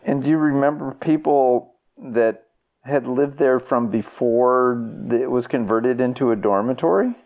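A man hosting a podcast, giving a measured, deliberate introduction and asking interview questions. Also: medium pitch, no echo, narrow, tinny audio. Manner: measured, deliberate announcer delivery.

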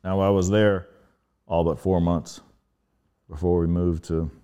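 A man from Northern Virginia answers interview questions in a low, unhurried voice. He pauses often and fills the gaps with easy fillers, relaxed throughout. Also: clean tone. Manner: laid-back, halting, with many fillers. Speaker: podcast guest. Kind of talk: casual interview chat.

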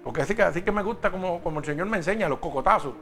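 A man's voice: high voice, expressive, racing, a bit bright, faint music behind. A man preaching a sermon, talking straight to the congregation with emphatic questions.

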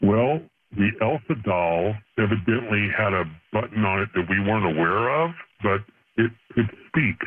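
A man's voice: on the low side, moderate pace, hardly any pauses, no room sound. Male caller in a voice changer, tinny phone line. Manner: earnest storytelling with stumbles and restarts. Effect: voice changer disguising his voice. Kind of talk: telling a spooky personal story on a radio show.

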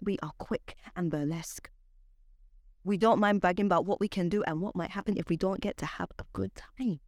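A woman poet with a transatlantic accent, part British and part Barbadian, recites her verse with deliberate, dramatic phrasing. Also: on the low side, no echo, studio quality. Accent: transatlantic mix of British and Barbadian. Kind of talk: poetry recitation.

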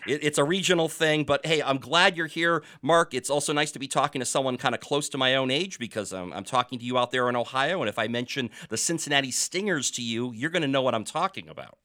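A middle-aged man from New England hosts a sports talk podcast in a casual, meandering way, often stopping on fillers. His slightly low voice is bright and smooth. The sound is close and dry. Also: quick pace, few pauses, no room sound. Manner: chatty, hesitant with many fillers.

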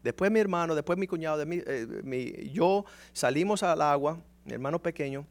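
A man in his forties preaches his testimony from the pulpit, telling it as a story. His voice sits fairly high, and he slips into other voices to act out each scene. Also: a little fast. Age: 40s. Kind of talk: sermon testimony.

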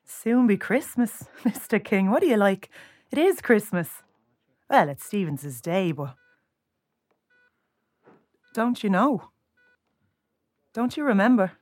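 A woman's voice: mid-range voice, animated, slow pace, long pauses, a little mellow. A woman with an Irish accent playing a busy, blunt young care worker in a naturalistic audio drama. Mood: matter-of-fact.

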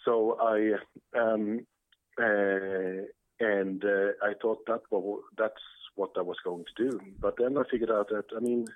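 A Swedish computer science professor appears as a guest in a conversational interview, speaking with a Swedish accent in a lowish voice with fairly even intonation. He is hesitant, with many fillers and restarts. The recording is dry and tinny, squeezed into a narrow, phone-like band.

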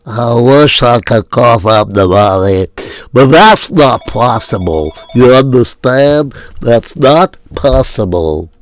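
A man doing a slow, worried shopkeeper. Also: medium pitch, expressive.

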